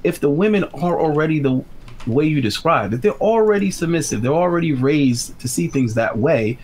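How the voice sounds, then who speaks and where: A man's voice: fairly high pitch, lively intonation, normal speed, a little mellow. Insistent man debating over background noise. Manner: insistent, interjecting. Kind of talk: heated debate.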